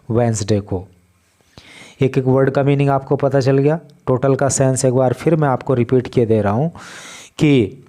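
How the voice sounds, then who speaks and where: A man's voice: medium pitch, dark tone. A man teaching English vocabulary in Hindi, patiently explaining newspaper words one by one. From India. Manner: slow, patient word-by-word explanation.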